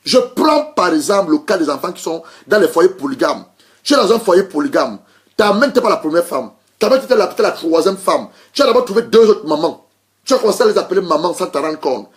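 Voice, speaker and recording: A man's voice: sits high, big pitch swings, a little fast. A man preaching a sermon as pastor, driving points home by repeating phrases, with frequent restarts and hesitations, and greeting listeners by name. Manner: emphatic repetition, welcomes online listeners.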